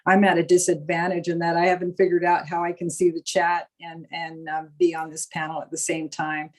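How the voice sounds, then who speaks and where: Speaking briskly and flatly in a lowish voice, this older Juneau woman hosts a live stream as a board director and panel host. She shares stories casually with plenty of fillers, and the recording is rough.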